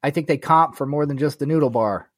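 A man's voice: on the high side, fast, no echo, clean studio sound. A man co-hosting a movie podcast, tossing in wry, joking asides in casual chat. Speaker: podcast co-host.

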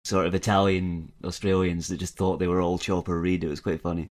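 Male podcast co-host, lowish voice; loose, profane banter with big reactions. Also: little pitch movement, a little fast, a little mellow.

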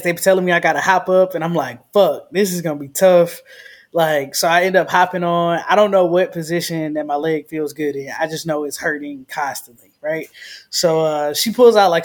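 Woman, travel vlog co-host, casual blunt storyteller, swears, acts out quotes. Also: lowish voice.

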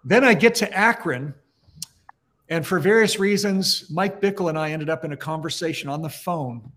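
A man's voice: on the high side, moderate pace, fairly bright tone. A middle-aged man, a pastor, telling stories in an earnest, emphatic, conversational way during a podcast interview.

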